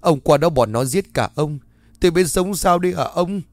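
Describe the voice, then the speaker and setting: A man's voice: fairly high pitch, expressive, normal speed, no room sound, pitched above the performer's own voice. A man doing a tearful, pleading old mother. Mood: anguished.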